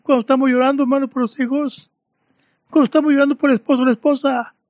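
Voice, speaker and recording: High-voiced fervent man preaching, lo-fi. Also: flat delivery, quick pace, darkish tone, dry recording. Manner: fervent, repeatedly addressing listeners as brothers. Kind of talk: sermon. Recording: dry, dull lo-fi recording.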